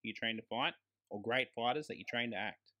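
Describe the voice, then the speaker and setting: Bright and pushed, a man's medium-pitched voice runs a little fast over lo-fi audio. As a podcast co-host he gabs about films in a casual, fed-up fan's way, swearing and dropping slang.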